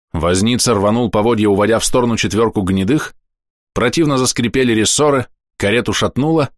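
A man reading a fantasy novel aloud as an audiobook narrator, measured and expressive, slowing down for dramatic moments. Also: on the low side, no echo, studio quality. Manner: measured, expressive storytelling with slowed dramatic pauses.

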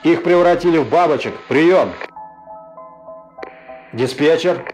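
A man's voice: on the high side, takes it slowly, darkish tone, faint music behind. An actor playing a stern male headquarters officer speaking in clipped turns over a police-style radio link. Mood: terse. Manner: clipped, ends each turn with "over". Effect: police-style radio transmission. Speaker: radio caller in an audio drama.

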